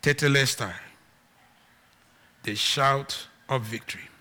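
Preaching slowly in a mid-range voice, this man from Nigeria speaks with a Nigerian accent. His sermon moves back and forth between loud emphatic declarations and quieter asides.

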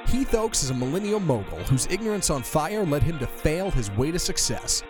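A man's voice: a little high, sing-song, a little fast. A man narrating a scripted podcast introduction as an announcer. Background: guitar music.

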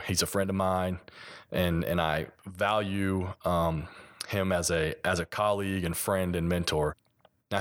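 Low-voiced man with a mild Kentucky Appalachian accent. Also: fairly bright tone. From Kentucky, United States. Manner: conversational, explains with examples. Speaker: podcast host and sports designer. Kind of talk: solo podcast monologue, explanatory.

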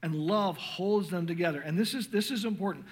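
A middle-aged man teaching parents in an earnest, passionate sermon, stumbling over restarts, his voice growing hoarse. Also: high-pitched, brisk. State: losing his voice.

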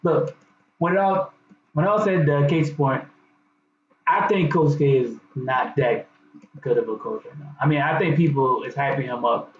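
A man's voice: a little high, normal speed. An American man co-hosting a sports podcast, arguing his opinions in informal, slangy, barbershop-style talk. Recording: echoey, slightly dull, noisy.

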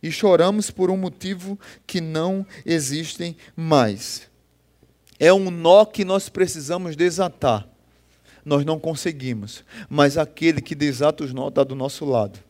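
A man preaching a sermon, impassioned, swelling and dropping in loudness and acting out voices as he tells stories. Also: on the high side, unhurried. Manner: impassioned, rising and falling in loudness; acts out quoted voices in storytelling.

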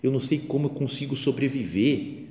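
A man's voice: medium pitch, a little fast, dark tone, natural voice. Man voicing a hurt, accusing daughter. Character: grown daughter, upset and accusing. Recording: roomy reverberant room.

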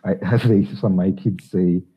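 A man's voice: low-pitched, steady tone, moderate pace, breathy edge. A middle-aged man from Zambia, a children's author answering interview questions with many hesitations and restarts. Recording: tinny phone-like line.

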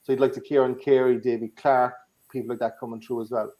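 A man with an Irish accent talks casually about sport. His voice is mellow and relaxed, and he feels his way through his recollections a little hesitantly. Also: mid-range voice, quick pace.

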